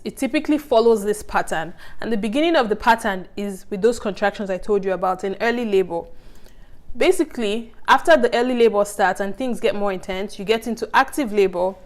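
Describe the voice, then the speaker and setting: A woman teaches an online childbirth course in a loose, conversational way. She sounds reassuring and keeps checking in with her listeners. Her talk is full of restarts and fillers. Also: mid-range voice. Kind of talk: casual online course lecture.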